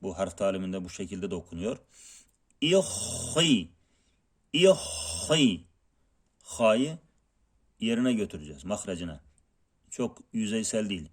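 A man's voice: deep voice, moderate pace, a little mellow. A man teaching Quran letter pronunciation, repeating model syllables and explaining lip and tongue placement. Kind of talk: slow step-by-step pronunciation lesson.

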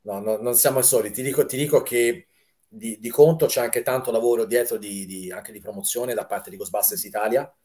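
A man's voice: mid-range voice, fairly even intonation, a little fast, mellow. A talkative, enthusiastic man being interviewed as a fan film maker on a video call, often restarting his words. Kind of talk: casual live-stream interview.

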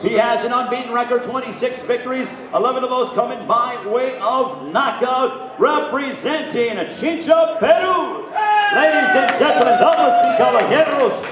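Guy hyping a boxing weigh-in like a lucha libre announcer, high voice, super echoey hall. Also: lively intonation. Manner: showy fight announcer, booming drawn-out names like a lucha libre announcer. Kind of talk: boxing event announcing into a microphone. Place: large indoor hotel event room. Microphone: handheld microphone through PA. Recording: very echoey hall PA, crowd behind.

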